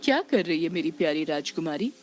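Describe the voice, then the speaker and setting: A woman's voice: medium pitch, normal speed, faint music behind, lightly acted. A woman voicing a doting but firm mother. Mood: affectionate. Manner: affectionate yet firm.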